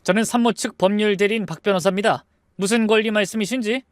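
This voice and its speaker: A man voicing a calm, firm lawyer representing the new mother. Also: high voice, fast, no room sound, studio quality, voice pushed up, lightly acted.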